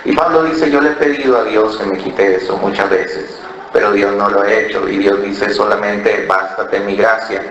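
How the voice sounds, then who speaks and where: Speaking at a moderate pace in a lowish, slightly bright voice, a pastor with a Cali, Colombia accent preaches in church and tells a story from his own life. Born in Ecuador and raised in Colombia, he imitates other voices and says "¿verdad?" frequently. The recording is muffled, and the room echoes.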